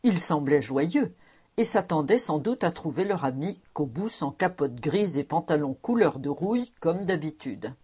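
A woman reading a classic novel aloud as narrator, measured and expressive. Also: low voice, breathy edge. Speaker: audiobook reader.

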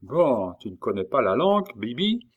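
A man's voice: mid-range voice, sing-song, moderate pace, phone-quality sound. A man reading aloud and voicing a sly, jovial male tavern-keeper and convict who talks in a familiar, mocking way.

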